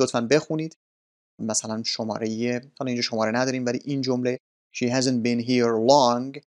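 A male teacher walks listeners through a grammar point in a calm, explanatory way. His voice has a steady creak to it. He repeats key instructions politely. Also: mid-range voice. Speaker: English teacher. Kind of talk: grammar lesson explained in a relaxed spoken manner.

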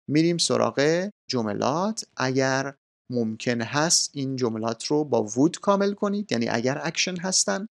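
A man teaching an English grammar lesson, explaining patiently and formally, slowing down for example sentences. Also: medium pitch, vocal fry.

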